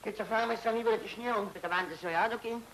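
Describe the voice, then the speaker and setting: A man's voice: high voice, racing, a bit bright, slight background noise, low-quality recording. A fussy, flustered man. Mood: fretful. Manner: rambling, stammering, fretful. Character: fussy flustered Austrian man, anxious about travel. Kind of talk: 1930s film comedy acting.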